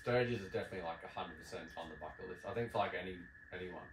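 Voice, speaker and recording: A man's voice: low-pitched, racing. A man chatting casually with short, laid-back, sweary reactions. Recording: echoey, distant mic, clear background noise.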